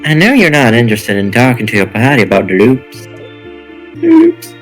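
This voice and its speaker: A man voicing a calm, cryptic guide figure while reading game dialogue aloud, in a measured way. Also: medium pitch, soft background music. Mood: calm, guiding. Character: mysterious helpful guide Loop, calm and cryptic.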